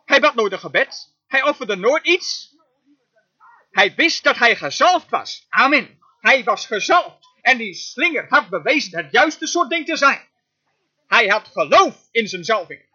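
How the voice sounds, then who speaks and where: High bright-voiced man preaching a sermon. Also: very animated, a little slow, breathy edge, dull audio. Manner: emphatic preaching, frequent amens. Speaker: sermon interpreter. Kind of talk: dubbed sermon voice-over.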